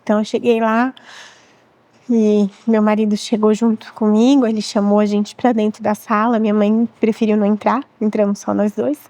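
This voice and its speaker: A woman in her thirties with a Brazilian Portuguese accent, telling a painful personal story as a guest in a measured, reflective way, often quoting her own past words. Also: medium pitch, level tone, warm tone, dry recording. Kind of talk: emotional personal testimony.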